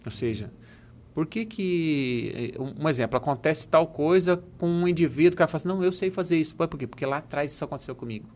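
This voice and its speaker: A man's voice: fairly high pitch, a little fast, a little mellow. A man with a Brazilian Portuguese accent, a coach and speaker, talking in a podcast and telling parables emphatically. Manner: emphatic, preachy, tells parables. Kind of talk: casual chat with storytelling.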